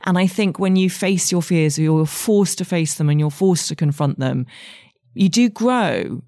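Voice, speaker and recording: A writer in her forties from England, with an English accent, speaks candidly and thoughtfully as a guest in a reflective interview. Her lowish voice is warm and a little slow. The studio-quality recording has no room sound.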